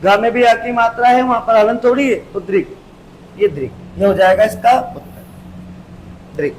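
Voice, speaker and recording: A male teacher giving an exam-prep grammar lesson, explaining step by step, repeating key terms and drawing sounds out slowly. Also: extremely high pitch, slight background noise, low-quality recording.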